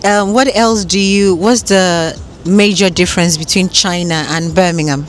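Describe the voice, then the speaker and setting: A woman's voice: fairly low pitch, steady tone, moderate pace, a little hiss or hum. Upbeat woman asking street questions. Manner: upbeat, short prompts. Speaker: street interviewer. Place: outdoors on a city street.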